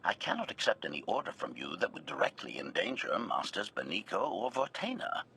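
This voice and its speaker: Game casting: smooth-filtered robotic bodyguard droid, low and gravelly, bright edge, pitch leaps wildly, formal and clipped. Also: male voice, very animated, brisk, heavily acted. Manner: announces each remark with a one-word label, clipped and formal. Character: deadpan male assassin droid, loyal bodyguard. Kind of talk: video game voice acting.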